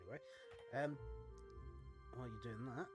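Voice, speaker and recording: A man playing a tabletop role-playing game, chatting casually in a halting way. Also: medium pitch, over music. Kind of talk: casual chat.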